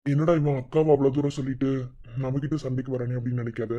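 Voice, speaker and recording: A man's voice: medium pitch, steady tone, fast talker, warm tone, lo-fi sound, natural voice. A man voicing a young son-in-law in a cartoon, soothing and reassuring but firm when he has to be. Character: young son-in-law, calm and protective, stern when needed. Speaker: son-in-law comforting the family.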